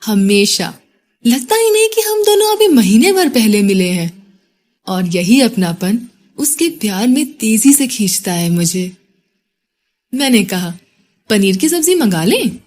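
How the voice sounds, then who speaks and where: Expressive woman narrating a love story. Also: on the high side, unhurried. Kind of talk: scripted narration.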